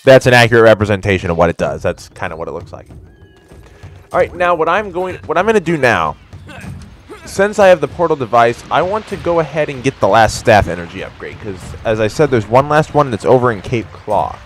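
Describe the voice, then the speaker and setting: Young male let's-play host, goofy, chatty, mid-pitched voice. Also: very animated, fairly quick. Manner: joking, goofy, breaks into silly voices. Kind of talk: casual gameplay commentary.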